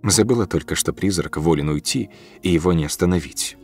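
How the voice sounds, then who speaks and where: A man's voice: sits low, a little fast, a little mellow, faint music behind. A man voicing a blunt, weary woman who questions a ghost, in an audiobook reading. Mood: tired. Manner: insistent, pushy questioning.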